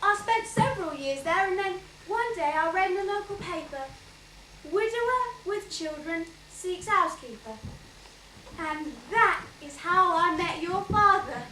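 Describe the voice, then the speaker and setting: A woman's voice: extremely high pitch, expressive, unhurried, pushed and bright, heavily acted. An actress playing a fond mother who tells wistful stories of her past in a stage play. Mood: proud. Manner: wistful, storytelling, quotes others fondly. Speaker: stage actor. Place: theatre stage. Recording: echoey stage miked from far off, light hiss.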